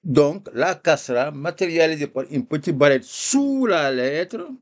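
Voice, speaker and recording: Slow, lively-voiced man teaching Arabic letters. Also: a little high. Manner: slow, repeats syllables for students to echo; addresses listeners as "les gars". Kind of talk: screen-shared lesson.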